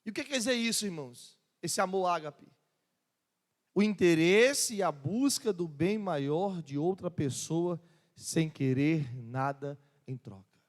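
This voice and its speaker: A man preaches a sermon, his high voice rising in emphasis as he puts questions to the congregation. The sound carries a long church reverb. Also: lively intonation, measured pace. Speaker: pastor.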